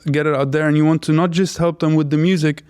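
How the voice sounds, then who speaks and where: A man's voice: on the high side, steady tone, fast, darkish tone, clean tone, dry recording, clean studio sound. A man co-hosting a podcast, talking casually and enthusiastically, repeating words as he praises his guest. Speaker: podcast co-host. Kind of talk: casual interview talk.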